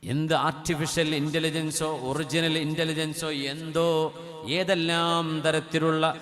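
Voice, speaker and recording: A male Islamic preacher delivering a religious speech, chanting Arabic phrases and moving between loud cries and hushed storytelling. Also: a little high, flat delivery, slow, a crowd in the background. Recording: long hall reverb.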